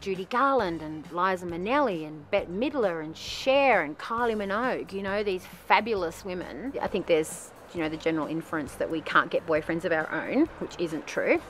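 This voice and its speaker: A woman's voice: on the low side, animated, normal speed, few pauses, a bit bright, faint music behind. A middle-aged woman, narrating her own documentary in a chatty, self-deprecating way, laughing between phrases.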